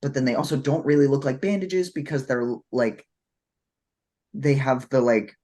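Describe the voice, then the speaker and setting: A man co-hosting a casual review chat. His delivery is sassy and campy, in the style of drag-queen banter, at a middling pitch. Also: normal speed, darkish tone. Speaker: podcast co-host reviewing drag looks.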